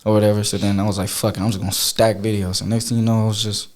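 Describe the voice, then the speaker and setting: A man telling his story in a relaxed podcast chat as a guest, full of slang and filler. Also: on the low side, racing. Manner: laid-back slangy storytelling. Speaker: guest YouTuber.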